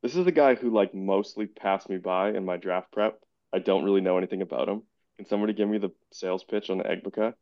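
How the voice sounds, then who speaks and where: A man's voice: low voice, quick pace, no room sound. A man hosting a casual sports podcast chat, thinking aloud and hedging his views, on a dull, dry lo-fi recording.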